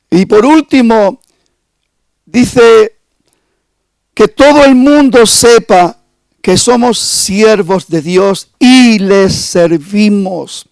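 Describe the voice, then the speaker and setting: A man's voice: very high-pitched, gravelly, no room sound, rough recording. A male pastor preaching a sermon, stressing key phrases emphatically.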